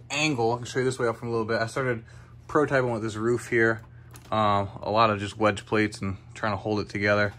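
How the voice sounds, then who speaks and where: A man's voice: fairly low pitch, a bit bright, slight background noise. A young man hosting a casual, chatty walkthrough vlog, thinking aloud as he films his tabletop model city with a handheld phone indoors. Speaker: YouTuber showing his toy brick city.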